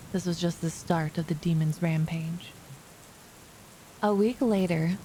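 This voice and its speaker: A woman reading a spooky first-person short story as scripted narration, in a measured, dramatic storytelling manner. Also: on the low side, darkish tone, a little hiss or hum, rough recording.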